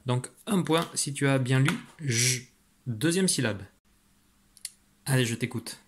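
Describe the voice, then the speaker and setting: Speaking in a medium-pitched, slightly rough voice, a male teacher takes young children through phonics. He is gentle and patient, sounds out each letter and syllable slowly, and cheers on and praises the child after every answer.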